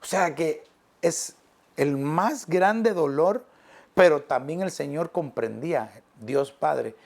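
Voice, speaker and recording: A male pastor preaching a sermon in an earnest, pastoral way, stretching phrases out slowly and dropping soft and low. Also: lively intonation, vocal fry. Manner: earnest, pastoral, addressing listeners as brother.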